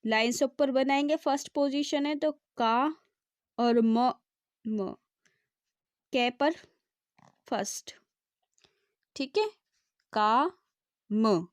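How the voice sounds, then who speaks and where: A woman's voice: sits high, drawn-out words, pauses often, clean tone, no room sound, clean studio sound. A woman teaching shorthand in a tutorial lesson, explaining patiently and checking often that students follow.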